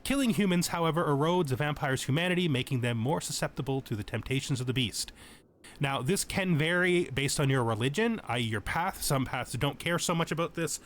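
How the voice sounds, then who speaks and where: In his tutorial-style gaming commentary, a channel host reads the game's text and then explains it in an informal way. His fairly high voice is brisk and expressive, with a faint hiss or hum.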